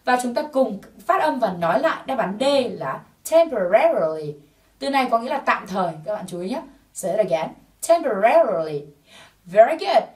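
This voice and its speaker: A woman's voice: a little high, big pitch swings, fairly quick, recorded from a distance. A woman teaching a TOEIC English lesson, patiently explaining answers and drilling pronunciation through repetition. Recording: roomy sound from off-mic.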